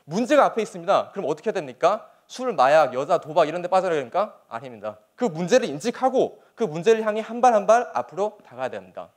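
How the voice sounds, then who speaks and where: High-pitched, animated young man giving a speech. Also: fast, hardly any pauses. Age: young adult. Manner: earnest, emphatic, rhetorical questions. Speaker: soldier giving a motivational speech. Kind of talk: motivational public speech to an audience.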